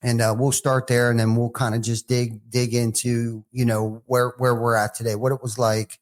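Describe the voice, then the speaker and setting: A man hosting a podcast interview, talking in a loose, halting way with many filler words. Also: mid-range voice, flat delivery. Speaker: podcast host. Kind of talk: casual interview chat.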